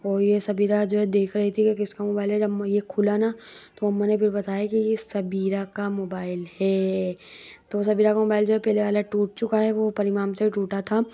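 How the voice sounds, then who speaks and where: A woman's voice: medium pitch, monotone, moderate pace, creaky, warm tone. A young woman narrating a casual family vlog in a chatty way, often repeating herself and restarting lines. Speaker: vlogger.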